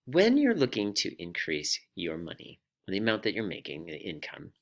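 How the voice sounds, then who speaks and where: Animated low-voiced man telling a story. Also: normal speed, creaky. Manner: animated, self-deprecating storyteller. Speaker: vlog host. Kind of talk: personal finance vlog with storytelling.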